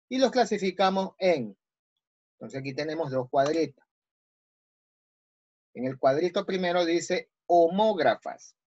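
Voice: mid-range voice, darkish tone, dry recording, lo-fi sound. A teacher with an Ecuadorian Spanish accent explaining a language lesson step by step, often checking with "¿sí?". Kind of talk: recorded online class.

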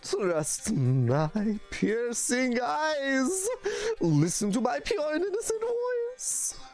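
A woman's voice: high-pitched, wildly swooping pitch, extremely slow, a little mellow, soft background music, full character voice. A woman voicing an eerie, grandiose fortune teller from a fantasy video game, with a theatrical mystic manner. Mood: ominous, coaxing.

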